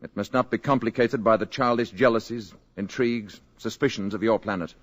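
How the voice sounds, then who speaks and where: A calm alien visitor, played by a man in a 1950s radio play. He speaks low, quiet and measured, with a grave, aloof air. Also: highs cut off, close to an everyday voice. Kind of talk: 1950s radio drama acting.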